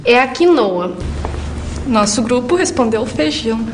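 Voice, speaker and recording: A woman's voice: a little high, animated, measured pace, a little hiss or hum. A woman student reading out a list of foods item by item, a little away from the microphone. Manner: reads items one by one, from away from the mic. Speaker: student contestant. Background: music.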